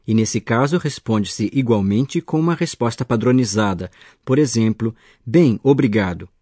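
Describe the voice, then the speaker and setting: A man's voice: mid-range voice, lively intonation, normal speed, dark tone, no room sound. A man acting as a teacher, patiently explaining grammar in a scripted radio lesson. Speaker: language teacher.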